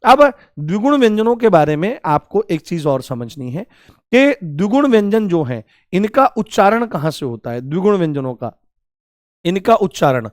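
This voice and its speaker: A man's voice: sits high, sing-song, moderate pace, no room sound, clean studio sound. A man teaching a grammar lesson, asking questions and answering them himself, fondly calling his students "babu". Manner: calls listeners "babu" affectionately.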